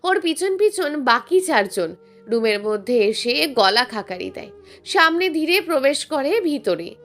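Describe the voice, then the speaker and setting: High-voiced woman narrating a story. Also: faint music behind. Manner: steady, measured storytelling. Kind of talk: scripted narration.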